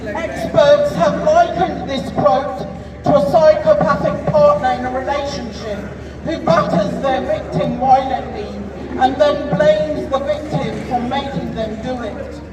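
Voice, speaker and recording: A man's voice: extremely high pitch, measured pace, noisy background. A man giving an impassioned, emphatic protest speech in front of an audience, declaiming to the crowd. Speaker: protest speaker. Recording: distant echoey PA, crowd and music behind.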